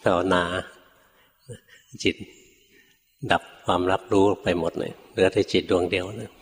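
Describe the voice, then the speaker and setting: An older man, a Buddhist monk, telling stories in a dharma talk and acting out his teachers' sharp rebukes. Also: low voice. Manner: animated storyteller, acts out his teachers' rebukes, chuckles often. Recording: long hall reverb.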